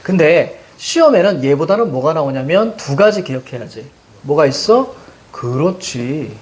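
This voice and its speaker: A man teaching a Korean grammar lesson, peppering his explanation with quick questions to the class. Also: fairly high pitch, slight background noise. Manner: lively, rhetorical questions to students, frequent "자".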